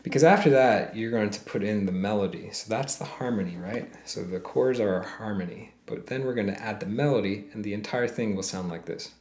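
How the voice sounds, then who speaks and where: A lowish-voiced man moves briskly through a step-by-step ukulele lesson with few pauses, patiently naming frets and counting the beats out loud. Loud ukulele playing fills the roomy-sounding recording.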